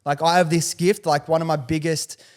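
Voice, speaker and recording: A man's voice: on the high side, little pitch movement, normal speed. A man with a Western Sydney Australian accent talking as a guest in a casual podcast chat, slangy and self-assured. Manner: slangy, self-assured, says bro often.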